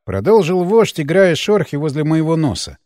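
A man narrating a first-person adventure audiobook with ironic, lively storytelling. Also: fairly high pitch, moderate pace, no echo, clean studio sound. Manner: lively, ironic storytelling, hero's lines shouted up.

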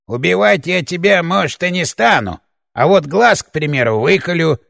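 Man doing a gravelly, sneering old chief. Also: fairly high pitch, expressive, a bit bright, dry recording, studio quality, full character voice. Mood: menacing. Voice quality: gravelly creaky voice. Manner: slow, sneering, threatening drawl. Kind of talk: audiobook character voice.

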